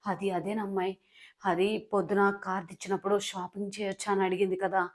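A woman's voice: mid-range voice, level tone, fast, a little mellow, close to an everyday voice. A woman voicing a meddling, gossiping older aunt in a serial recap, speaking in an insinuating way. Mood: gossipy.

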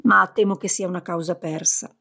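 A woman reading the lines of a dreamy, wistful male deity in an audiobook, musing and earnest, with a husky, gravelly voice. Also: on the low side, fairly even intonation, normal speed, pushed and bright, full character voice.

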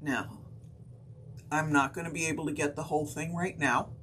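A woman teaching a craft technique on a live stream, explaining each step in a relaxed, chatty way with lots of fillers and short hiccups. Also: low voice, normal speed, slight background noise. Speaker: craft instructor.

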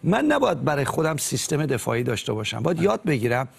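Earnest young man with a gravelly voice. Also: fairly high pitch, very animated. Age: 20s. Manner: earnest, hesitant with fillers.

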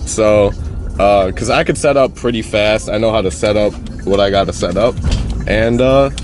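A young man in his twenties talking casually to a handheld camera at arm's length as a vlogger, relaxed and rambling, in his car and around an event hall. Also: fairly low pitch, normal speed. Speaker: vlogger and vintage clothing seller. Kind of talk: casual vlog talk to camera.

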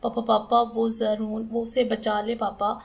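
A woman's voice: a little high, monotone, measured pace, gravelly, darkish tone. A woman reading as a distressed young woman. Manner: distressed, pleading. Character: frightened upset young woman.

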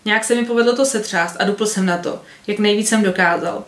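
A woman's voice: medium pitch, natural voice. Brief: woman reading as a shaken wounded carter, tense, roomy sound. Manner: tense, recounting an attack. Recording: roomy echo.

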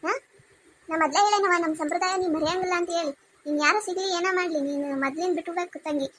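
A woman's voice: extremely high pitch, steady tone, rapid-fire, fairly bright tone, a little hiss or hum. A woman voicing a bossy, strict village mother-in-law with a North Karnataka Kannada accent, scolding and commanding.

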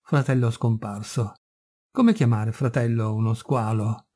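A man voicing a delirious, spiteful first mate who rants and mocks in a shrill, unhinged way. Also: steady tone, unhurried, warm tone, close to an everyday voice. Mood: scornful. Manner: ranting, mocking, shrill when furious.

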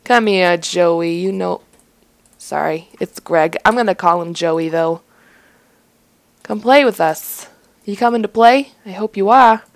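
Young woman doing let's play commentary, goofy and chatty, gravelly voice, dry close mic. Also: on the low side, unhurried, pauses often, no room sound. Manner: goofy, chatty, self-mocking. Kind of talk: gameplay commentary.

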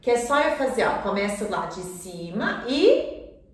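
A woman teaching children the alphabet, with warm encouragement and drawn-out tracing cues. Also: mid-range voice, very animated. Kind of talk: slow, sing-song children's lesson. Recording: echoey room, voice from a distance.

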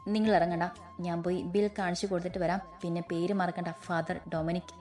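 A woman voicing a young woman who puts on a lower man's voice and speaks humbly to police. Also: level tone, fairly quick, a little mellow, faint music behind, lightly acted. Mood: deferential. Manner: humble, pleading.

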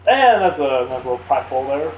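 A young man commentating gameplay in casual chat, excitable and loud, laughing often. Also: mid-range voice, a little fast, highs cut off, slight background noise. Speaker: let's play commentator. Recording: echoey room with faint game music. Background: faint game music.

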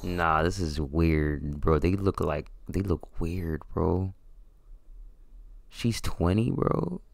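A man's voice: low-pitched, slow, gravelly, dry recording. A man reacting to a video for a stream, talking crude, mocking and slangy. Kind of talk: casual reaction commentary.

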